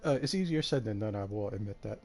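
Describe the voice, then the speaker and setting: A man streaming a game live, tired and a bit out of breath, talking in a relaxed, rambling way with lots of fillers. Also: on the low side, quick pace, faint music behind. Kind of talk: casual live-stream commentary.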